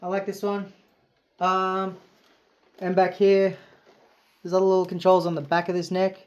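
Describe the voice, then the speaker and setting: A man's voice: high voice, completely flat delivery, normal speed, far from the mic, lo-fi sound. A man casually reviewing keytars in his small home studio, rambling and enthusiastic, with many fillers. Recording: roomy studio with keyboard music behind.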